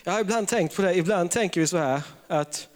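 Jovial preacher in an echoing hall. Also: male voice, high-pitched. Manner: humorous storytelling, laughs often. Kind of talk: charismatic sermon. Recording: long reverb of a large hall.

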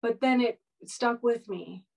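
A woman's voice: a little high, measured pace, a little mellow, poor audio. A woman speaking as an interview guest, telling a candid personal story in an earnest, frank way with frequent restarts.

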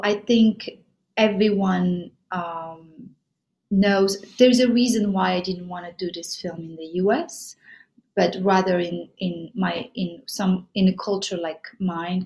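A woman from Morocco answering interview questions about her film, pausing often with fillers and restarting her sentences. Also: mid-range voice, darkish tone, low-quality recording. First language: Moroccan Arabic or French. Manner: hesitant, many fillers and restarts. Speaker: filmmaker guest.

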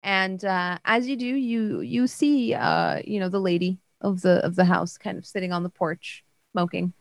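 A woman's voice: mid-range voice, steady tone, moderate pace, dry recording. A woman narrating as game master in a casual way, with many fillers like "like" and "uh". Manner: casual, many likes and uhs.

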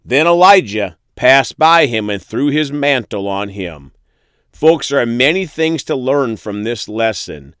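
A man's voice: mid-range voice, sing-song, unhurried, a bit bright, clean tone, no room sound, studio quality. A man preaching a sermon, reading scripture verses aloud and then speaking to his listeners as friends and folks.

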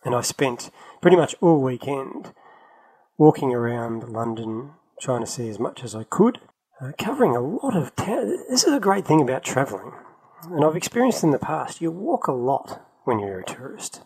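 A man's voice: medium pitch, normal speed, breathy edge, low-quality recording. A man, co-hosting a casual podcast and telling travel stories with a chatty, laughing manner. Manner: chatty, laughs often, lively storytelling. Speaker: podcast co-host. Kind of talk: casual chat. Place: travelling, in London.

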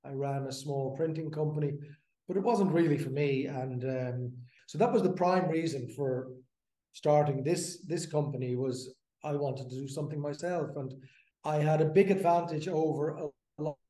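A man in his fifties from the Netherlands, a brewery co-founder, talking as a podcast guest in a halting, filler-filled way. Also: on the high side, mellow, echoey room. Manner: halting, many fillers and restarts. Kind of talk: casual interview.

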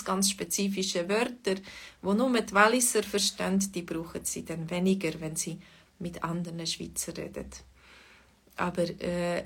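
A Swiss woman with a medium-pitched voice and a Swiss German accent blending Bernese and Lucerne talks through a relaxed lesson, pausing thoughtfully and using fillers.

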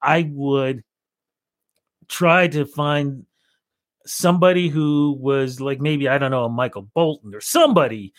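A middle-aged Canadian radio reporter, appearing as an interview guest, tells casual stories at a measured pace in a medium-pitched voice. He's an animated storyteller who acts out both sides of phone calls he remembers. The recording is dry with clean studio sound.

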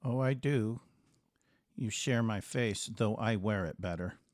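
A man's voice: fairly low pitch, measured pace, a little mellow, no room sound, natural voice. A man playing a proud young male adventurer in a tabletop game, answering in dry, wry retorts. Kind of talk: in-character tabletop game play.

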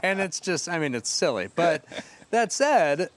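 A man's voice: on the high side, very animated, unhurried, dry recording. A man co-hosting a podcast in casual chat, talking loosely with many fillers. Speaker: podcast co-host.

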